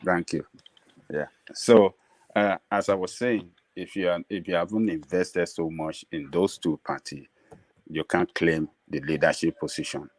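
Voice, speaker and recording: A man's voice: low-pitched, fairly even intonation, unhurried, no echo, low-quality recording. A man with a Nigerian Yoruba accent giving emphatic political commentary in short, repeated phrases. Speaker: political analyst on a livestream panel.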